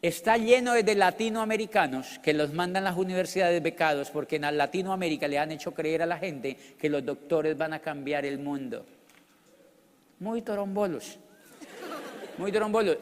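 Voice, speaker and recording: Middle-aged Colombian man, high-pitched, animated, joking motivational speaker in a reverberant hall. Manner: animated, joking, bursts into loud exclamations. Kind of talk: storytelling business talk.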